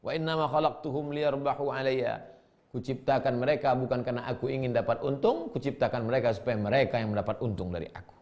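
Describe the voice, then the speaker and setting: Gravelly-voiced male preacher. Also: fast talker, muffled recording. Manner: shifts pitch sharply to act out quoted speakers; repeats and rephrases each line for the audience. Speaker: preacher teaching a classical text. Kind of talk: reading Arabic text aloud and translating it line by line.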